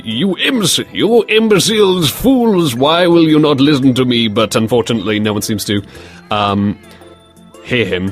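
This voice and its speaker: Rambling jokey British young man. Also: on the low side. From Britain. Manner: jokey, rambling, many fillers and restarts. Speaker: co-host of a fan series Q&A. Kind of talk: casual Q&A chat.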